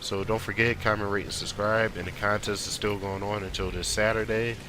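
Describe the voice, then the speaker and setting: A man's voice: fairly low pitch, little pitch movement, fairly quick. A man giving casual, rambling gameplay commentary in an informal, slangy, conversational way, as if chatting over his own footage. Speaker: gaming video creator doing commentary. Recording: clear background noise.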